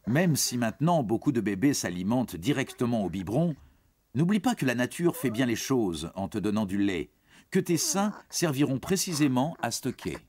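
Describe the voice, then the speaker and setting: A man with a mid-range, slightly mellow voice narrates an educational cartoon in a sing-song way at a moderate pace. He tells the story playfully, speaking straight to a young listener. Background music runs under his voice.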